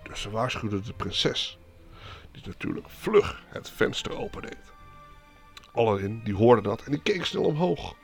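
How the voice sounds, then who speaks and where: A man's voice: mid-range voice, very animated, a little slow, vocal fry, faint music behind. A man hosting a podcast, retelling a fairy tale casually with wry, joking asides. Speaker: podcast host, storyteller.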